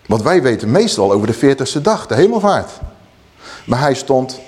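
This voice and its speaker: A man's voice: medium pitch, normal speed. A man teaching on a Bible passage in sermon style, emphatic and addressing his listeners directly. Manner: animated, emphatic, acts out scripture quotes.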